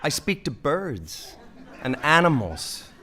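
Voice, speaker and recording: An actor playing an earnest, naive, polite and apologetic saint in a comic audio play. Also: male voice, on the high side, very animated, slow pace, bright, forceful tone, full character voice.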